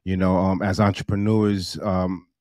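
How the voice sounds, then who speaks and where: A man hosting a podcast interview, measured and sprinkling his talk with "um"s. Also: low voice, level tone, darkish tone, dry recording, clean studio sound. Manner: measured, many "um"s and backchannels. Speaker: podcast host.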